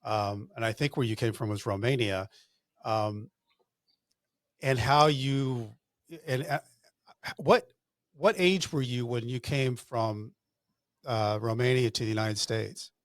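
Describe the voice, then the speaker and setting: A man's voice: medium pitch, slow, pauses often, dry recording, studio quality. A man hosting an interview podcast, talking conversationally with fillers and restarts. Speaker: podcast host. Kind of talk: interview podcast with sponsor read.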